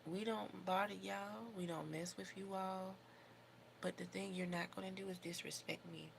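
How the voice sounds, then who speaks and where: A medium-pitched, creaky voice with fairly even intonation and normal speed belongs to an American woman doing her makeup on a livestream. She hosts casually, rambling and opinionated, and the recording carries noticeable background noise.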